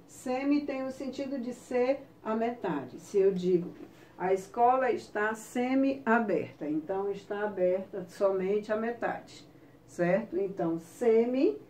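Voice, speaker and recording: A woman teacher with a Brazilian Portuguese accent explains a lesson slowly and patiently, checking understanding as she goes. Her voice is dark and mellow. She is recorded off-mic in a roomy space with faint background ambience. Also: medium pitch, recorded from a distance, a little hiss or hum. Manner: slow, patient explaining with frequent check-ins. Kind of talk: recorded online class lesson.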